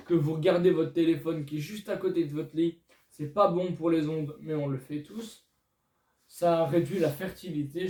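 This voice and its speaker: A man's voice: on the high side, darkish tone, far from the mic. A young man vlogging casually to his viewers, chatty and self-mocking, recorded in an echoey room some way from the mic. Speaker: YouTuber. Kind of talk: casual vlog talking to viewers.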